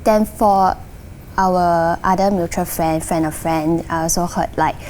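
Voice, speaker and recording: A woman with a Singaporean accent speaks in a slightly low voice, explaining her views earnestly in a casual panel conversation. Some ambient noise sits behind her. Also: steady tone, a little slow, darkish tone, rough recording. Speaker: guest sharing personal experience.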